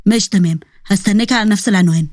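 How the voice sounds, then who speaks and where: Eerie calm ageless man with an Egyptian accent, low and menacing, voiced by a woman storyteller. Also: racing, no echo, lightly acted.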